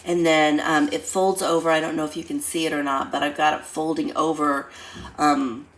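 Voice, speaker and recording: A woman's voice: low voice, level tone, normal speed. A woman with a nasal, congested voice from a head cold, casually talking through a craft demonstration as the instructor. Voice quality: nasal, congested, stuffed-nose sound. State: blocked nose from a head cold.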